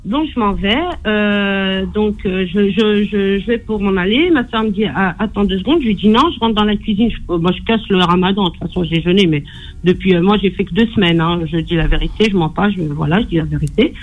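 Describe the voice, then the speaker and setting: A woman's voice: medium pitch, brisk. A woman calling in to a radio show, hesitantly retelling a family dispute with quoted dialogue. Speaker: caller. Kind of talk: call-in radio storytelling. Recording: tinny phone line.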